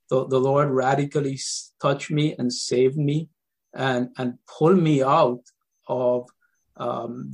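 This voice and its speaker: A middle-aged man from Guyana, a pastor, telling his life story as a podcast guest, with many pauses and ums. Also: medium pitch, creaky, slightly rough. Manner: hesitant, many ums, repeats words.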